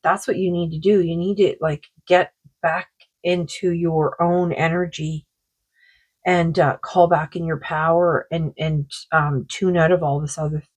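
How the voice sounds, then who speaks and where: Low raspy lady reading tarot, slow and rambly, throat kinda sore. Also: little pitch movement, poor audio. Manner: slow, meandering, full of likes and you-knows. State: sore throat, losing her voice. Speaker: psychic card reader.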